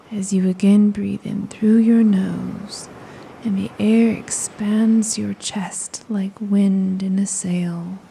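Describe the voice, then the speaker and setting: A woman leads a slow guided meditation in a very dark, mellow, mid-range voice, soft and breathy and close to a whisper, with a gravelly creak at the edges. Her soothing phrases are spaced by long pauses over faint ocean waves. The recording is rough, with slight background noise.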